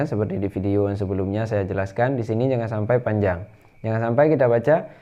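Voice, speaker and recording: A man teaching tajwid, explaining rules briskly and then reciting verses slowly in a higher chant. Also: mellow, dull audio.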